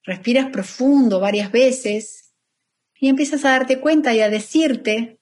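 A woman therapist, calmly explaining fear and anxiety and leading a slow, soothing breathing exercise. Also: high-pitched. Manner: calm, soothing, slowing down for guided phrases. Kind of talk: guiding a breathing exercise in an interview.

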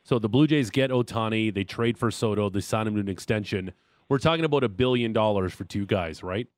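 A man's voice: lowish voice, a little fast, no room sound, studio quality. A man interviewing a guest on live sports radio.

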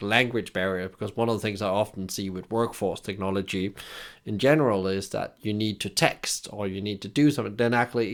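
A Danish man interviewing a company founder, asking long questions full of restarts and fillers. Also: fairly low pitch. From Denmark. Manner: hesitant, many restarts and fillers. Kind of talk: business podcast interview.

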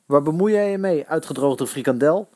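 A man's voice: on the high side, animated, normal speed, warm tone, dry recording, pitched above the performer's own voice, natural voice. A man voicing a cocky young butcher's boy who jeers and provokes. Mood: taunting. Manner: jeering, provocative.

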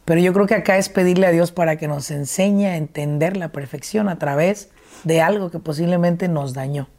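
A woman's voice: fairly low pitch, brisk, mellow. A woman from Mexico with a Mexican accent hosting an interview, earnest and reflective as she shares her own story. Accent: Mexican Spanish. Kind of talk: conversational interview and personal story.

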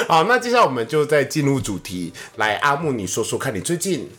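A man's voice: medium pitch, sing-song, brisk, pushed and bright. A man, co-hosting a casual podcast, teasing and giggly as he steers the talk. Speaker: podcast co-host.

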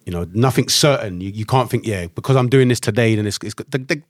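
A man's voice: lowish voice, fast talker, no echo, clean studio sound. A man in a casual film chat, reflective and trailing off into restarts.

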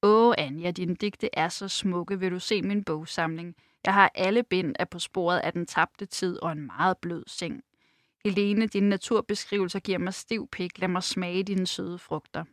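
A woman's voice: fairly low pitch, fairly even intonation, no echo, studio quality, natural voice. A woman putting on a mocking impression of a pompous middle-aged male poet who runs a school, read from a novel.

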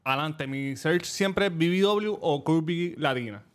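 Man, Puerto Rican accent, co-host, joking, quick interjections, somewhat high voice. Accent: Puerto Rican Spanish. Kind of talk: casual chat.

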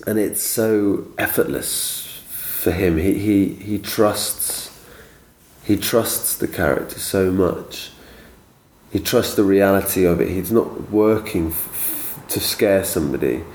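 A man talking casually about acting, slowly and hesitantly, with frequent uh and um. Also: deep voice, darkish tone. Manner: slow, hesitant, fills pauses with uh and um. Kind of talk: casual film discussion. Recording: roomy, slightly distant.

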